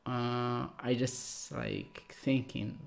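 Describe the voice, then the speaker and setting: A man in his thirties from Algeria, reacting to a song in a casual vlog with broken English and excited exclamations, filmed at a webcam in a small room. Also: medium pitch, very slow, gravelly. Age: 30s. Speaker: music reaction YouTuber. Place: small room with blue backdrop. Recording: loud music playing underneath.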